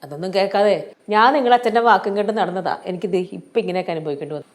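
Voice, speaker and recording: A woman's voice: medium pitch, lively intonation, rapid-fire, close to an everyday voice. A woman playing a weary, scolding mother. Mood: exasperated. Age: middle-aged. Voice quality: scolding, exasperated. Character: weary, peacemaking middle-aged mother. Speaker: mother of the family. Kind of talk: TV sitcom acting. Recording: TV sitcom with faint music.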